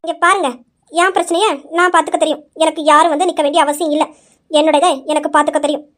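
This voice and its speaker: A defiant young wife, played by a woman in a homemade audio drama, scolding and insistent. She speaks with a very high, rapid voice. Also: flat delivery, fairly bright tone.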